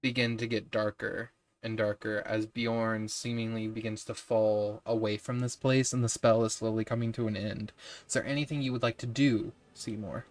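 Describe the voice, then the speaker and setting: A man's voice: fairly low pitch, level tone, moderate pace. Easygoing male game master narrating.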